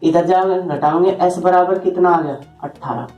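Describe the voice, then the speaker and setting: A man's voice: high-pitched, fairly even intonation, moderate pace, darkish tone, reverberant, highs cut off, faint music behind. A man teaching a math lesson at a board, talking informally and often asking his students rhetorical questions as he works through each step. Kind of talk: board lesson explaining shortcuts.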